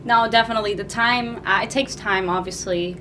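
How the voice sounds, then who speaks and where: A young woman from Peru, a student editor-in-chief, answering interview questions in a friendly, soft-spoken way with some uhs. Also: mid-range voice, steady tone, a little fast, noisy background. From Lima, Peru. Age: young adult.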